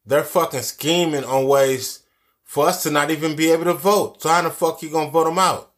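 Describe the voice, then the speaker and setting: A man's voice: on the high side, steady tone, fairly quick, fairly bright tone. A man giving angry social commentary, cursing a lot and repeating his key phrases for emphasis. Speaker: commentary vlogger.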